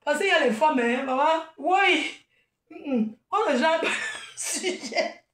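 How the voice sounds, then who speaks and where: In an off-the-cuff live stream, this woman, who plans events and sells as a vendor, first tells off her detractors, then laughs and chats with them, addressing everyone as "maman." She has a high, somewhat bright voice with lively intonation and an unhurried pace. Soft music plays behind her, and the distant, off-mic capture sounds echoey.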